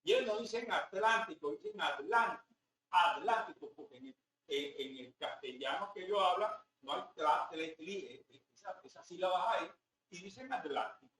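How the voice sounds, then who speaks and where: A Venezuelan professor with a high, slightly bright voice lectures a class in an animated, somewhat fast, chatty style, tossing rhetorical asides to his listeners in Venezuelan Spanish. The distant mic catches a roomy hall and faint background noise.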